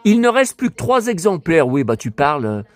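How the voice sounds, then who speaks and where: A man casually vlogging about collector books, excitable and rambling, talking straight to his viewers. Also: fairly high pitch, moderate pace.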